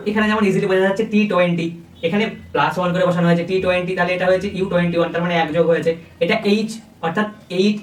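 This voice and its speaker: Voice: medium pitch, reverberant, far from the mic, poor audio. A teacher gives an exam-prep lecture. They explain step by step and keep checking that the class follows. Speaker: coaching teacher.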